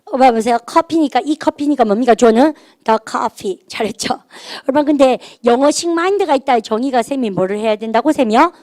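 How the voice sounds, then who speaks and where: A woman's voice: high-pitched, a little fast, few pauses, darkish tone, dry recording. A middle-aged woman teacher, giving a recorded grammar lecture and drilling her students with call-and-response prompts. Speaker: English teacher.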